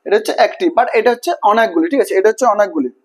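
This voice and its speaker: A man's voice: high voice, expressive, very fast. A man teaching English grammar, repeating himself, spelling words letter by letter and checking in with the class often.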